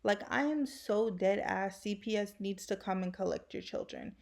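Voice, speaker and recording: A woman's voice: mid-range voice, normal speed, creaky, darkish tone. A woman ranting bluntly in a casual vlog, with slang and plenty of profanity. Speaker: faceless YouTuber.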